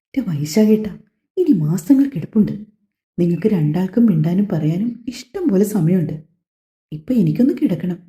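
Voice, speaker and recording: A woman voicing a young pregnant wife who gently scolds her affectionate husband, in an audio story. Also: fairly low pitch, animated, moderate pace, close to an everyday voice. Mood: fond. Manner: affectionate, mildly impatient. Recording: echoey, slightly dull home recording.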